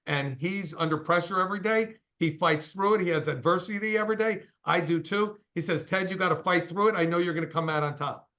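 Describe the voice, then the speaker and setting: A man's voice: high-pitched, sharp tone, lo-fi sound. Emphatic sixty-something man on a call. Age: 60s. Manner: emphatic, straight-talking, fast bursts. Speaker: company CEO guest. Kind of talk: interview over a call.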